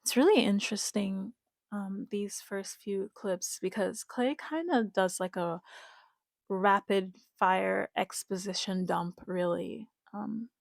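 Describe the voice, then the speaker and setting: Gravelly-voiced woman giving emphatic commentary. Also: medium pitch, slow pace, dry recording. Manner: emphatic, repeats points, addresses viewers directly. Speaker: reality-show commentator. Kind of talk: casual commentary to viewers.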